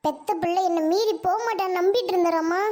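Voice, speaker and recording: A woman's voice: extremely high pitch, steady tone, quick pace, dark tone. A woman voicing an angry, bitter aging mother in a cartoon, scolding and accusing. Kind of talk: Tamil cartoon voice acting.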